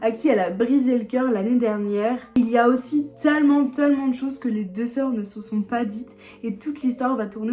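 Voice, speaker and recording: A woman's voice: a little high, mellow. Eager young woman chatting about books. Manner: enthusiastic, repeats words for emphasis. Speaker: book vlogger. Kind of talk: casual book haul chat.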